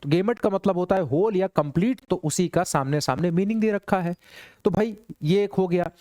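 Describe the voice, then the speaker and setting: A man lectures a classroom on English exam questions, slangy and teasing. His voice sits a little high for a man. The sound is close and dry, with no room ring. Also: moderate pace, darkish tone, dry recording. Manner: chatty, joking, rhetorical questions to students. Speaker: English teacher. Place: classroom with students.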